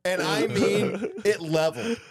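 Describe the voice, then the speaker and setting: A man's voice: high voice, normal speed, crowd noise. A man appearing as a comedian guest on a casual comedy podcast, telling stories with lots of "dude.". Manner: animated storyteller, heavy on "dude".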